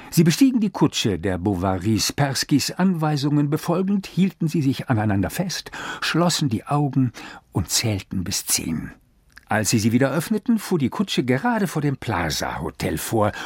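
A man reading a literary story aloud as narrator, with expressive storytelling. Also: mid-range voice, breathy edge, no echo, studio quality.

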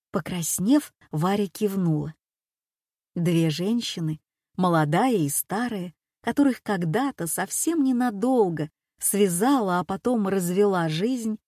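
A woman narrating an audiobook in a calm, measured storytelling manner. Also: medium pitch, dry recording, clean studio sound.

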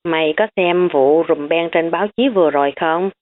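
A woman's voice: lowish voice, moderate pace, natural voice. A woman voicing a carefree, joking young man from a wealthy family. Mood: glum. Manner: breezy, joking. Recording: tinny phone-like recording.

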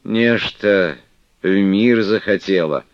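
A man's voice: low voice, slow pace, dry recording, pitched above the performer's own voice. A man reading the part of a stern but loving elderly abbess in solemn, archaic speech. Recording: dull, dry lo-fi recording.

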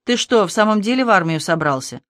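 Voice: mid-range voice, lively intonation, fast talker, a bit bright, no echo, clean studio sound, pitched above the performer's own voice, lightly acted. A reader voicing an anxious mother who pleads with her son in alarm.

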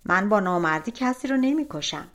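A woman's voice: mid-range voice, lively intonation, fairly bright tone, lightly acted. A woman voicing a brave young prince who speaks firmly in a storybook reading. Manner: firm, defiant.

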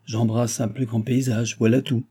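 A man's voice: medium pitch, level tone, normal speed, mellow, slightly rough, natural voice. A man playing a cold, arrogant young man who lectures with disdain in a read-aloud novel. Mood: lecturing.

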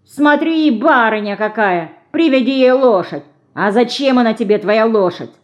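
A woman voicing a gruff, threatening grown outlaw man in an audiobook. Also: a little high, animated, normal speed, pitched above the performer's own voice, natural voice. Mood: mocking. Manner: rough, threatening.

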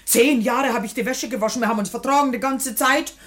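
An actress playing a sly, sharp-tongued village washerwoman in a 1950s radio drama, blunt and feigning innocence. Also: on the high side, fast, lightly acted. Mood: indignant. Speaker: washerwoman being questioned.

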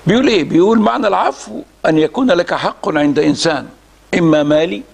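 Egyptian male scholar, somewhat high, gravelly voice, deliberate lecture with long thinking pauses. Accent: Egyptian Arabic. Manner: measured and deliberate, with frequent drawn-out hesitation sounds. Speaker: religious scholar giving a reading series. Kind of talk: lecture reading and commenting on a classical text.

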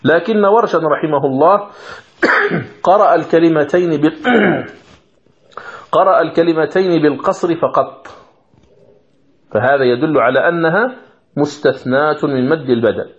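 A man's voice: fairly high pitch, moderate pace, pauses often. A man teaching Quranic recitation from a textbook, explaining rules patiently step by step and repeating examples. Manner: asks the listeners questions, then answers them. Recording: dull lo-fi recording.

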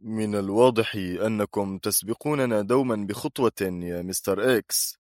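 A man's voice: mid-range voice, expressive, a little fast, no echo, studio quality, pitched above the performer's own voice, natural voice. A male narrator voicing a nervous, irritable government minister who speaks tensely and hesitantly in an audiobook. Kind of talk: audiobook character voice.

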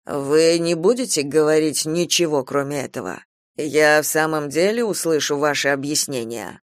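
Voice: medium pitch, moderate pace, dry recording, clean studio sound, pitched below the performer's own voice, natural voice. A reader voicing Boldwood, a grave and tormented farmer, speaking tensely in an audiobook. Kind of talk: audiobook character reading.

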